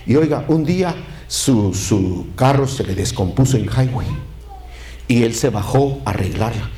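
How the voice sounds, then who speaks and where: A man's voice: mid-range voice, measured pace, reverberant. A man preaching a sermon, calling on the congregation for amens. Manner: lively, calls to the congregation for amens. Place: church.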